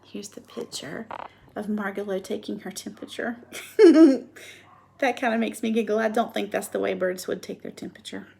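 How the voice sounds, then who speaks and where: A woman's voice: mid-range voice, vocal fry. Woman reading a children's book aloud. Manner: expressive, pausing to show pictures.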